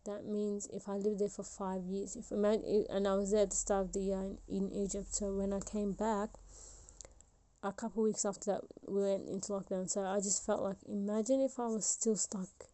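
A woman in her twenties, about twenty, hosts her own podcast, talking solo in a reflective, rambling way with many fillers and restarts. Her mid-range voice is mellow, with flat delivery and normal speed.

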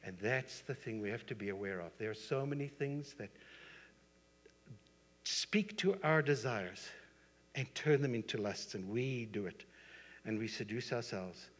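A male pastor preaching a sermon, telling stories emphatically and swinging from soft to loud. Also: mid-range voice, measured pace, long pauses. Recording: husky voice in long hall reverb.

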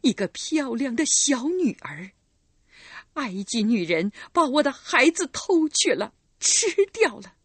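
A woman's voice: sits high, very animated, slow, husky, dry recording, voice pushed up, heavily acted. A woman voicing a grieving, vengeful middle-aged recluse mother who cries out in anguish. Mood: bitter vengeful.

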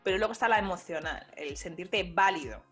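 Emphatic low-voiced woman. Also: brisk, soft background music. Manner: animated, emphatic. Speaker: podcast co-host. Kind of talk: casual podcast chat.

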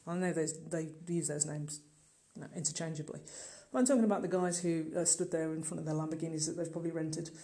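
Speaking quickly with few pauses, the middle-aged online marketing business owner talks straight to listeners in his informal solo podcast, earnestly and emphatically. His voice is mid-pitched, mellow and steady in tone.

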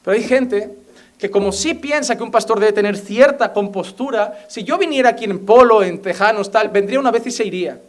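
A man's voice: high-pitched, a little fast. A young man preaching a fervent sermon as a pastor, often mimicking the voices of imagined people. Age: young adult.

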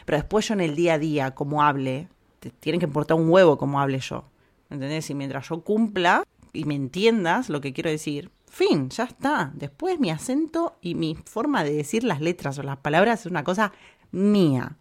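A woman from Argentina with an Argentine accent, chatting casually to camera in an animated, opinionated way full of fillers. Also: low voice, normal speed. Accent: Argentine Spanish. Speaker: vlogger.

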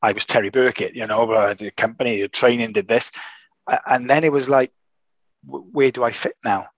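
In a relaxed conversation, a male podcast host slowly tells of his long recovery, stumbling into many false starts and restarts. His steady, middle-pitched voice carries a slight change from the illness, captured in dry, somewhat dull audio with no echo.

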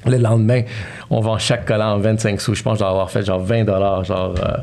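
Speaking fast-ish in a level tone, this man in his thirties has a voice on the low side with a darkish quality. He's a podcast guest with a Quebec French accent, casually recounting his life and mixing plenty of English slang into his French.

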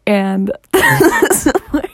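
A woman's voice: sits high, huge pitch swings, drawn-out words, dry recording, clean studio sound. A sick woman, a student, hosting a casual solo podcast, rambling and giggling with lots of "like". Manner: rambling, giggly, heavy use of "like". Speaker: podcast host.

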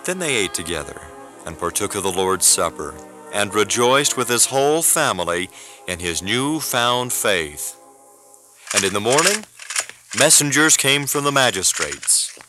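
Male narrator, low voice, steady delivery, music clearly behind. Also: a little slow. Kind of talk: scripted narration.

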